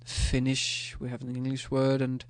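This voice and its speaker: A man giving a pronunciation lesson. He talks slowly and hesitantly, with many fillers, and repeats the sounds he teaches. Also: mid-range voice, completely flat delivery, no echo. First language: Danish. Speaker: language teacher.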